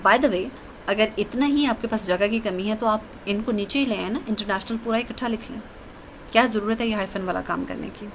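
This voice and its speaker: A woman's voice: mid-range voice, a bit bright, a little hiss or hum, poor audio. A woman teaching an English lesson, explaining each rule step by step with patience. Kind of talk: recorded classroom lecture.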